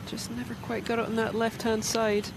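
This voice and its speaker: A man's voice: very high voice, monotone, moderate pace. A man working as a golf commentator, giving live commentary on play. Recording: outdoor broadcast with clear background noise.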